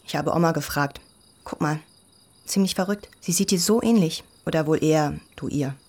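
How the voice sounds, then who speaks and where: An actress voicing a spiritual teenage girl, the youngest sister, who turns defensive and flares up quickly in a dubbed drama. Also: low voice, darkish tone. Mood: guarded.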